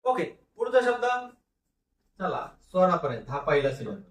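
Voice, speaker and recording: High-voiced man teaching phonics in an echoey room. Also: very animated, recorded from a distance. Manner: slow, repeats each word and asks the class to read it back. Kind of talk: phonics lesson.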